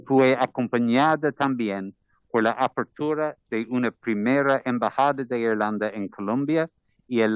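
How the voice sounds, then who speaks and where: In a parliamentary committee room, an Irish-accented man from Ireland delivers an ambassador's formal address in careful, non-native Spanish. His voice is medium-pitched and clean with no room sound, though the committee audio comes across dull and muffled.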